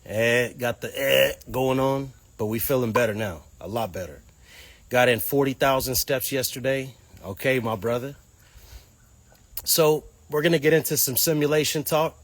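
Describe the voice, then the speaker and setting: A man's voice: medium pitch, moderate pace, no echo. A man hosting a casual livestream outdoors, a little nasal from a cold, talking loosely and greeting viewers as they arrive. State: nasal congestion. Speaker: livestream host. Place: outdoors near homes.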